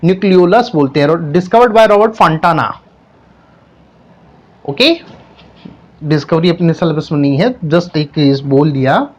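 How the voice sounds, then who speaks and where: A man's voice: fairly high pitch, measured pace, long pauses, a little mellow. A man with an Indian accent teaching a science lesson online, asking each point back as a question and repeating it. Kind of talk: online class lecture.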